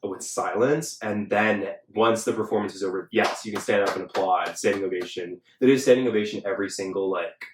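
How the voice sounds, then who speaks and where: A young man chats casually as a podcast host, his voice sitting a little low. His talk is loose and full of "like". The room around him rings with a roomy echo. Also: fairly quick, few pauses, background noise. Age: young adult. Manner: filler-heavy, chatty, frequent "like". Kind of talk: casual chat. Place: Los Angeles.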